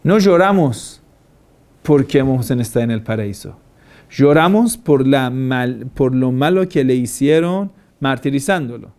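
A Shia cleric with a mid-range, somewhat dark voice delivers a religious lecture at an unhurried but animated pace. He drives his points home through repeated phrases and asks a great many rhetorical questions.

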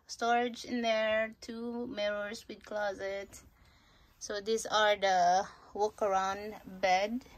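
Holding her phone at arm's length, a slow-talking, middle-aged family vlogger narrates a relaxed tour in and just outside her RV trailer. Her pitch is medium, there's no room sound, and the audio quality is poor.

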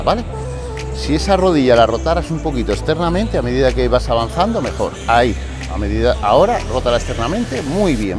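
With a medium-pitched voice, a fitness coach in his forties talks through leg exercises one step at a time in a big indoor gym, regularly checking in with listeners. Captured on a lapel mic, the recording has music clearly in the background.

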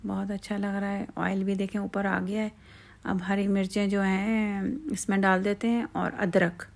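A woman's voice: medium pitch, flat delivery, unhurried, gravelly, a little mellow. A woman hosting a home cooking channel, explaining each step in a chatty, casual way with frequent fillers, cooking outdoors at night.

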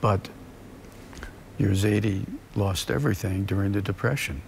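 A man's voice: on the low side, steady tone, normal speed, gravelly, a little hiss or hum. A man voicing his elderly immigrant grandfather, who has an Eastern European accent and gives solemn advice.

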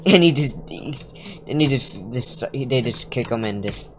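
A woman gamer chatting casually with a friend while playing, excitable, laughing often and saying "dude" and "like" a lot. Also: rumbling low, measured pace, a little hiss or hum. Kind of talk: casual gaming commentary.

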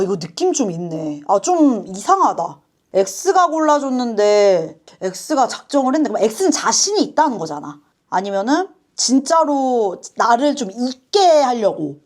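Woman, reaction host; lively, chatty, apologetic asides, a bit high. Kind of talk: casual reaction chat.

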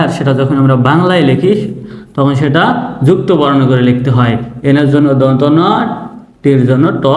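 A man's voice: medium pitch, a little mellow, reverberant. A man teaching a lesson, explaining step by step and spelling words out letter by letter. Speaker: English teacher. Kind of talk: classroom lesson.

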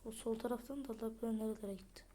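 A woman, commentating a horror game as she plays, muttering to herself with sudden loud outbursts. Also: fairly high pitch, racing, slight background noise. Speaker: gaming streamer. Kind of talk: let's play commentary.

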